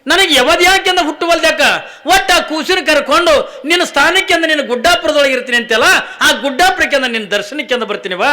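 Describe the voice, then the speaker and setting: A woman's voice: high voice, fast talker, sharp tone. A man voicing a poor, childless village wife who pleads and grieves in a tearful voice. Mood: pleading. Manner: tearful pleading, repeating her plea.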